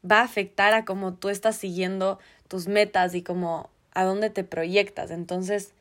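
Here a young woman co-hosts a podcast in relaxed chat, with her voice at a middle pitch. She turns to her listeners and gives them plain advice. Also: normal speed. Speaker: podcast co-host. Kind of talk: casual chat.

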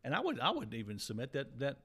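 A man's voice: mid-range voice, huge pitch swings, fast talker, bright, forceful tone, husky. A man talking casually and earnestly as a Bible teacher, walking through a psalm in conversation with many restarts. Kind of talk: casual Bible study chat.

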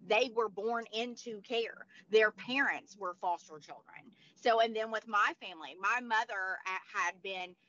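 Hoarse forty-something woman, bright and eager, interview guest, rambly. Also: medium pitch, unhurried, hardly any pauses. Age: 40s. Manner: chatty, many restarts and fillers. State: hoarse, losing her voice. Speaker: guest, motivational speaker. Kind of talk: casual interview chat. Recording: dull lo-fi sound.

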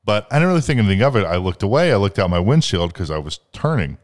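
A man in his mid-twenties with a slightly low voice, talking casually on a podcast. He tells the story in a loose, rambling way and swears freely, and the story comes across as lively. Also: fast talker. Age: 20s. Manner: profane, rambling, animated retelling. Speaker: podcast co-host.

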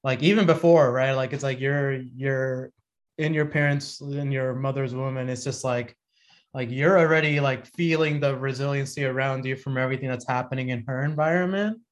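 A man's voice: medium pitch, fairly even intonation, normal speed. A man in his thirties, a podcast guest, talking in a reflective, rambling way full of fillers and restarts. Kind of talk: casual conversation.

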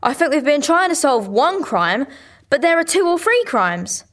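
Woman acting as a sarcastic teen girl detective, sulky, fairly high voice, radio drama. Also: big pitch swings, normal speed, fairly bright tone. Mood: reasoning. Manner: sarcastic, offhand. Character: sharp-tongued teenage girl sleuth, sulky.

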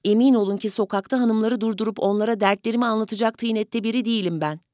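A woman voicing a small, polite elderly gentleman who pleads with fussy, over-courteous manners in an audiobook story. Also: on the high side, fast, no room sound, clean studio sound, lightly acted. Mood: courteous pleading.

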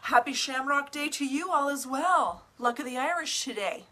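A woman's voice: sits high, expressive, normal speed, sharp tone. A woman hosting a livestream as a coach, chatting to viewers in an effusive, theatrical, bubbly way. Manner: effusive, theatrical, bubbly greetings with whoops and pet names; casual swearing, checks in with "right?" and "okay?". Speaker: online group host and business coach.

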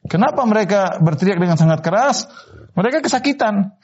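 A man giving a sermon on Quran verses, explaining Arabic word forms slowly with many repetitions and rising sharply in pitch to stress a point. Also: lively intonation, slightly rough. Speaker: Islamic preacher. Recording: slightly dull, muffled recording.

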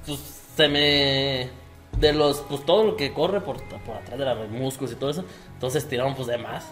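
A man's voice: medium pitch, normal speed, a bit bright, roomy sound, faint music behind. A young Mexican man telling a long injury story in casual podcast chat, full of fillers and restarts. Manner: rambling storyteller, repeats fillers. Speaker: podcast guest.

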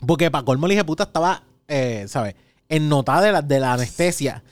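A Puerto Rican man in his thirties, a podcast host, telling a story in casual chat and acting out his own shouts. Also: on the high side, animated, a little fast, no room sound. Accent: Puerto Rican Spanish.

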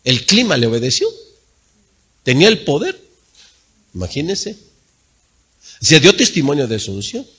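A male pastor preaching a sermon in a husky, slightly high voice. His delivery is animated, with pitch that leaps around widely. He moves from loud emphatic peaks to low, quiet asides. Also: moderate pace, pauses often.

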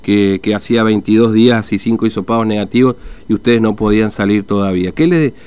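A man's voice: on the low side, fast, a little mellow, clean tone. A man conducting a conversational interview, hesitant with many fillers and restarts. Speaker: radio interviewer.

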